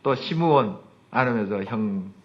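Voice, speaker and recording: A male pastor giving an earnest sermon and reading scripture aloud slowly. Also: lowish voice, lively intonation, lo-fi sound.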